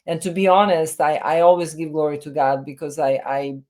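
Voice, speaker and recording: This low-voiced Serbian filmmaker and writer, in her fifties, talks fairly quickly in a slightly mellow tone. As a guest in a remote interview, she tells reflective stories, hesitating with frequent fillers and restarts.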